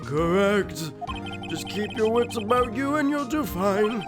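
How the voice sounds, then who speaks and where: A stern old judge presides from the bench, drawn out and grave, as a man puts on the voice. He speaks slowly and deliberately, with game music behind him. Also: sits high, big pitch swings, pitched above the performer's own voice. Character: stern elderly male courtroom judge.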